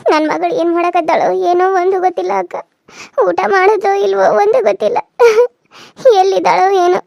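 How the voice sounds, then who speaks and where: Woman doing a high-voiced young village wife in a cartoon, pleading and defiant, dry close mic. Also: fairly even intonation, fast, dry recording. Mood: tearful. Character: distressed young village wife, tearful and determined. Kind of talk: cartoon serial voice acting.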